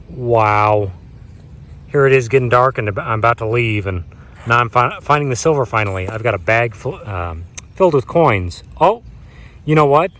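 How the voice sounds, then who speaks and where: A man in his thirties with a medium-pitched voice narrates a casual treasure-hunting vlog, marveling at his metal-detecting finds and talking straight to viewers. He's outdoors among grass and woods, and the recording is noisy with insects and passing vehicles.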